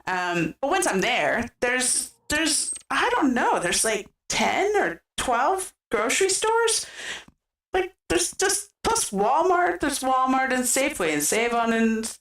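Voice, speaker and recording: A gaming streamer from British Columbia, Canada, with a western Canadian accent, chats casually and giggly while livestreaming games. Her voice is fairly high and a bit bright, and the mic sounds roomy and distant.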